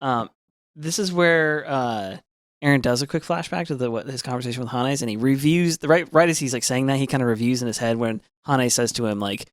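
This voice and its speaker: A man co-hosting a podcast, chatting casually and excitably, rambling with lots of filler words. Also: mid-range voice, a little fast, dry recording, studio quality. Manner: excitable, rambling, heavy use of "like". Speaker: podcast co-host. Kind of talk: casual chat recapping an anime episode.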